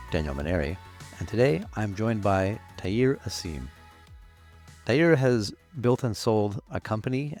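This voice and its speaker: Host: man, deep voice, measured announcer-style intro, dry sound with soft music behind. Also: no echo. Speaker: podcast host. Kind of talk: scripted podcast intro and interview backchannel.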